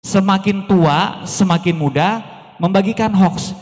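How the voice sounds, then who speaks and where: A man in his forties gives a seminar talk to an audience, asking them questions as he goes. His voice sits high. The sound rings with the long reverb of a large church hall. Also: measured pace. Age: 40s. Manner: lively, asks the audience questions. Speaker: seminar speaker.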